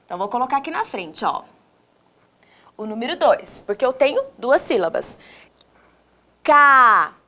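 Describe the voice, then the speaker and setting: A woman with a Brazilian Portuguese accent teaching young children in a recorded video lesson, sounding words out slowly, syllable by syllable, and asking the viewers questions in an encouraging, sing-song teacher voice. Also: a little high, big pitch swings. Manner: slow, exaggerated syllable-by-syllable pronunciation with questions to the viewers.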